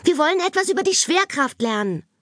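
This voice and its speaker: A woman's voice: sits high, brisk, no echo, clean studio sound, pitched above the performer's own voice. A woman reading an audiobook, voicing an eager, bossy young schoolgirl full of ideas. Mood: insistent. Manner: excited, bossy. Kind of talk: audiobook character voice.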